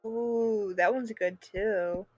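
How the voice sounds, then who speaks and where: A woman's voice: mid-range voice, fairly even intonation, extremely slow, no room sound, faint music behind. A woman streamer chatting casually and enthusiastically while playing a game.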